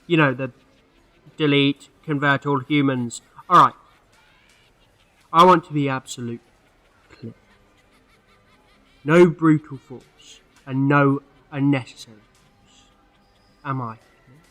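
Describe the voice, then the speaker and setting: A man acting an eccentric, excitable alien time traveller in a fan audio drama, theatrical, exclamatory and wordy. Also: medium pitch, takes it slowly, long pauses. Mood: brisk, explanatory.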